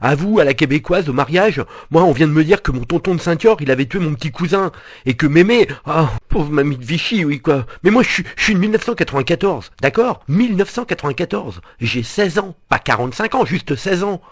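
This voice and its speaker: A man's voice: a little high, expressive, fairly quick, dry recording. An actor playing a confused teenager stuck in a grown man's life, baffled and exasperated.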